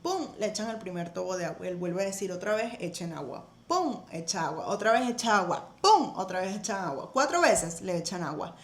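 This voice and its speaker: A woman's voice: very animated, a little fast, hardly any pauses. A woman with a Venezuelan accent, casually and animatedly retelling a Bible story on a podcast, laughing and acting out quotes. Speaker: podcast host. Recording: echoey room, faint rumble.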